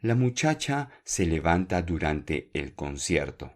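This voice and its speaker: Man, podcast Spanish teacher, deep voice, unhurried, clear and encouraging with learners. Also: very animated, faint music behind. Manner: slow, clear, repeats words for learners. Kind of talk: podcast language lesson.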